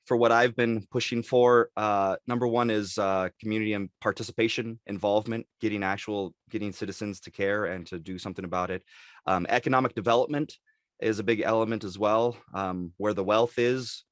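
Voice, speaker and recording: A man from Los Angeles giving a measured, earnest statement as a city council candidate. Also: fairly low pitch, fairly bright tone, no echo, clean studio sound. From Los Angeles, California.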